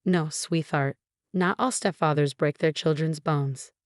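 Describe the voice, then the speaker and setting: A woman reading as a gentle X-ray tech. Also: deep voice, unhurried, no echo, clean studio sound. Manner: soft, reassuring. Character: kind, gentle female X-ray technician, protective.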